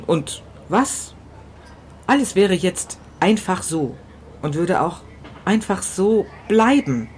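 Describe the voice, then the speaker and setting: A woman reading the part of a grief-stricken, tormented man in a first-person literary novella, halting and repeating herself, dropping to whispers and rising in outbursts. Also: on the low side, darkish tone, a little hiss or hum. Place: city balcony, outdoors.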